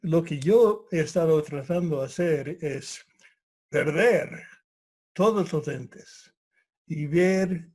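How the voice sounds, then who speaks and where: An older English-speaking man, a karate instructor appearing as a guest, talks reflectively in Spanish about karate. His pace is very slow and halting, with frequent pauses as he searches for words. His fairly high voice is warm and mellow, with a breathy edge.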